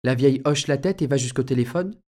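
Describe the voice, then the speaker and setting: Shy boy piano student voiced by a man, flustered, halting, dark mellow tone. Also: medium pitch, lightly acted. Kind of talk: audiobook character narration.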